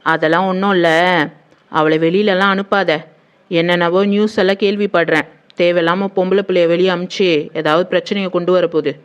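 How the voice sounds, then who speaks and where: A man's voice: sits high, steady tone, brisk, fairly bright tone, smooth. An actor playing a curt, evasive young man who is protective of his sister. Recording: muffled lo-fi sound.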